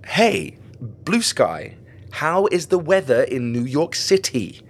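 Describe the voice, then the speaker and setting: An actor playing a chatty caretaker who talks to himself, with muttered and whispered asides. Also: male voice, fairly high pitch, sing-song, takes it slowly, slightly rough, exaggerated voice. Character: chatty male caretaker archiving logs.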